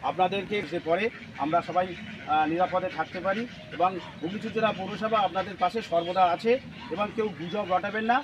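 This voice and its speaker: Man making a halting public warning. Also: high-pitched, fairly even intonation, background noise. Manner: halting, repetitive delivery. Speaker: municipal public announcer. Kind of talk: public address announcement.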